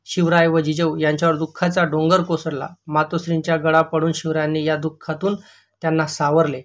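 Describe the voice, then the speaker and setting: A male teacher reads a children's history lesson aloud. His pitch stays fairly level and sits slightly high for a man, with little rise or fall. He reads steadily and stops now and then to point out the pictures. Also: little pitch movement, fairly quick.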